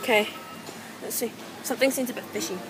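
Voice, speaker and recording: A woman's voice: fairly high pitch, fast, over music. A teenage girl chatting casually in a supermarket, giggly and full of puns. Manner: giggly, punning, excitable. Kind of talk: casual chat. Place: large supermarket indoors. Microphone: handheld device camera. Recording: noisy store ambience.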